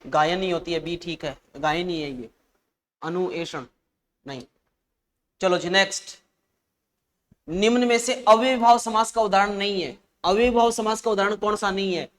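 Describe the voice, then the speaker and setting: A man teaching an exam-prep lesson, chatty and often calling listeners "saahab" and "bhai". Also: high voice.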